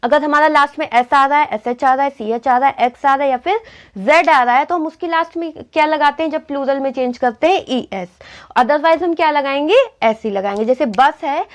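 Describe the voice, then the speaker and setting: A woman's voice: sits high, a little fast. A young woman teaching spelling rules in a lesson, often asking a question and then answering it herself. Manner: asks and answers her own questions. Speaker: English teacher. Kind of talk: classroom-style spelling lesson.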